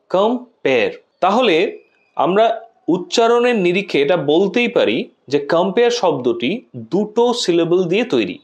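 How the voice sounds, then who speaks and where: A man giving a lesson, explaining methodically and repeating examples. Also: high voice. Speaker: teacher. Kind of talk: classroom lecture.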